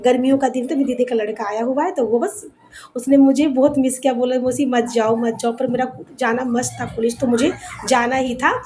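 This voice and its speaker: A woman's voice: high-pitched, fairly even intonation, a little fast, a little mellow. A young woman from Bihar, vlogging in a chatty way and often repeating words as she thinks. She walks along an outdoor village road and sometimes sounds out of breath. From Bihar, India. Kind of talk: casual vlog chat.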